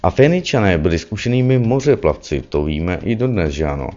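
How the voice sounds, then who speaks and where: A man's voice: low-pitched, sing-song, a little mellow. A man giving a spoken lecture, often correcting himself and adding tag questions as he goes. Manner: lecturing, with frequent self-corrections and "že ano" tags. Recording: dull lo-fi recording with faint music behind.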